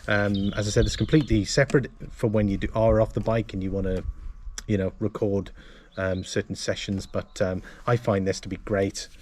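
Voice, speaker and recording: A man presenting a casual gear walkthrough to camera, explaining things in a halting, self-correcting way. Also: lowish voice, flat delivery, a little mellow, slight background noise. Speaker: motovlogger and presenter.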